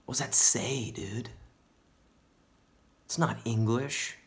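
A paranoid young stoner rambles on about conspiracies, played by a male actor in a self-tape monologue. He keeps tossing in "dude" and "man". His voice lurches from loud, high bursts down to hushed whispers. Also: takes it slowly. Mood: paranoid rambling. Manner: drops into hushed whispered asides; wildly swinging pitch and loudness.

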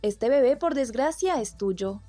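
A woman's voice: sits high, lively intonation, a little slow, warm tone, faint music behind. A woman reading out a cold, cutting wife. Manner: cold cutting replies, read out plainly.

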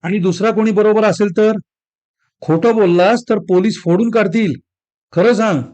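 A man's voice: high-pitched, darkish tone, natural voice. A man playing a stern householder. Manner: slow, firm, stressing each word. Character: stern householder confronting a thief.

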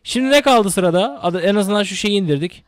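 A young man giving casual, excitable gameplay commentary, swearing and repeating words rapidly. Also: high-pitched.

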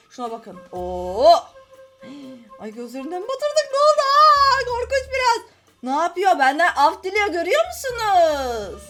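A woman hosting a gaming channel, giving casual gameplay commentary, scolding the characters and swinging from high squeals to low muttering. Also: fairly bright tone.

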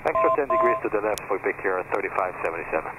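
A man's voice: lowish voice, expressive, rapid-fire. A man reading back instructions as an airline pilot over the aircraft radio. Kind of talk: radio readbacks. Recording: noisy radio transmission.

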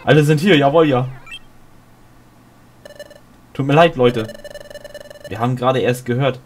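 A man playing a video game and reading all of its dialogue aloud, with small slips and restarts. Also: mid-range voice. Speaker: let's player.

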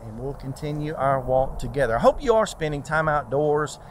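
A man's voice: on the high side, expressive, moderate pace, a little hiss or hum. A man hosting a casual walk-and-talk vlog outdoors in a park, an easygoing, rambling talker with plenty of fillers who shares his own story as a transplant recipient.

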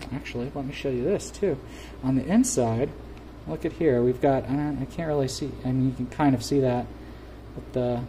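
A man talks casually through an unboxing in a warm, mellow voice. He is chatty and enthusiastic and scatters fillers through his talk. A faint hiss sits under the recording. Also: mid-range voice. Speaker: gear reviewer.

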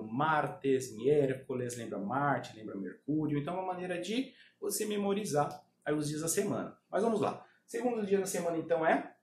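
Man teaching a lively Spanish lesson. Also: a little high, echoey room. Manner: drills pronunciation, asks viewers to repeat. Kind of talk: online language lesson.

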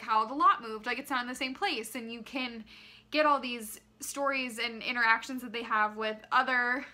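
A young woman giving a casual book review to camera in a chatty, expressive manner. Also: on the high side. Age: young adult. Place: small living room, indoors.

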